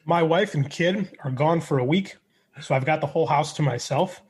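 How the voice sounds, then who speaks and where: Husky, teasing male podcast co-host. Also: fairly high pitch, normal speed. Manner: dark joking, teasing. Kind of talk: casual chat. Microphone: recording over a video call.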